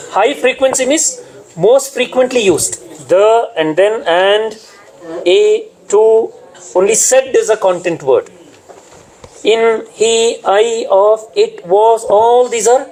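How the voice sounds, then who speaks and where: A man's voice: sits high, darkish tone, rough recording. A man with an Indian English accent training teachers in a classroom lecture, repeating key terms and quizzing the room.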